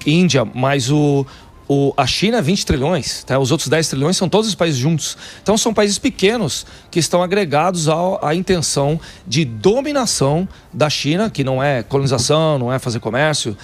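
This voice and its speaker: A man's voice: a little high, lively intonation, a little fast. Paulista man explaining with many fillers. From Brazil, São Paulo. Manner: explanatory, fact-listing, with frequent fillers. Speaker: guest, city council member in Texas. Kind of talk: radio talk show interview.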